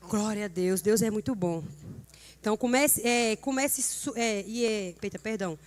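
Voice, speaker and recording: A middle-aged woman from Brazil giving a heartfelt testimony and exhortation at a church prayer meeting, earnest and emotional, rising to fervent emphasis. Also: medium pitch. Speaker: church speaker leading prayer.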